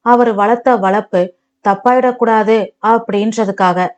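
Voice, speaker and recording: A woman doing a patient, gentle young wife. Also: on the high side, lightly acted. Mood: hurt. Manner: calm, soothing, pleading.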